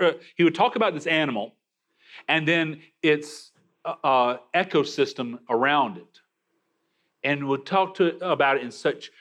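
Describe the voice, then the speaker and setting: A man's voice: fairly high pitch, fairly bright tone. A man preaching a sermon, emphatic, with frequent restarts. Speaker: pastor.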